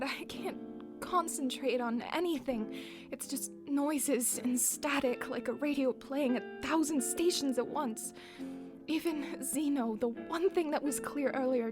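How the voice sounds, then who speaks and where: Woman doing a frazzled teen time traveler rambling to herself, high slow voice, guitar music underneath. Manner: frantic, rambling inner monologue. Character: teenage girl time traveler, frazzled and desperate. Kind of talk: audio drama monologue.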